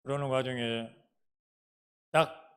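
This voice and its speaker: A middle-aged male pastor with a Jeolla dialect preaches in a down-to-earth, storytelling way. His voice sits at an ordinary mid-range pitch, and he often turns to his listeners with questions while recounting his own hardships. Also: steady tone, takes it slowly, clean tone. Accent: Jeolla Korean dialect. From Jeolla province, Korea. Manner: folksy storytelling, asks the congregation questions. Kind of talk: sermon with personal testimony.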